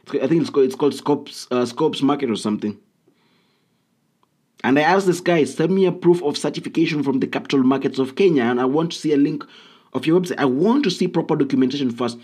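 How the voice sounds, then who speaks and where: A man's voice: a little high, quick pace, darkish tone, breathy edge. A man hosting a solo podcast, talking casually and bluntly with frequent ums and uhs. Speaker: podcast host.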